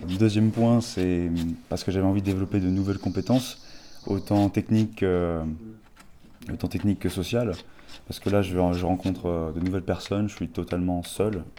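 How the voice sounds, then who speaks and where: A man's voice: sits low, fairly even intonation, moderate pace, dark tone. A man of twenty-two, a student volunteer, answering interview questions casually with many fillers and restarts at a work site. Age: 20s.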